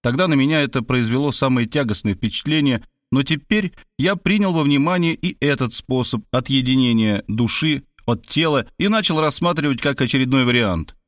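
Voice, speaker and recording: A man narrating a story in the first person, wry and deadpan in his delivery. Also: medium pitch, a little fast, few pauses, no echo, studio quality. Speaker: audiobook narrator.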